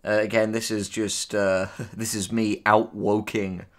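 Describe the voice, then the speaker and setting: A man co-hosts a casual reaction commentary, speaking bluntly and opinionatedly. He's a writer who reads out tips and reacts to them, using a lowish, flat voice at a measured pace.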